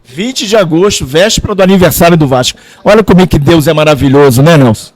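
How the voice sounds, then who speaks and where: A man's voice: a little high, fast talker. A man, hosting an interview in a restaurant and asking long run-on questions. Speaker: host.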